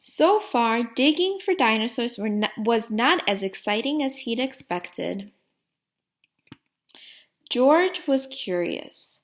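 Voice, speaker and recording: With a fairly high pitch and an animated manner, a woman reads a storybook to young children in a deliberate, teacher-like style, putting questions to them along the way.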